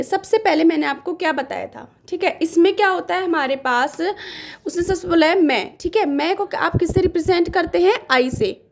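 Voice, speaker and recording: High-voiced woman teaching a grammar lesson. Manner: patient, repeats words slowly while writing. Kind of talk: classroom lesson explaining grammar.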